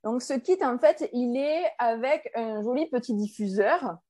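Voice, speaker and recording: A woman's voice: on the high side, a little slow, warm tone. A woman hosting a casual live demo of a children's diffuser kit, chatty and loose, with fillers. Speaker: host presenting a kids' oil kit.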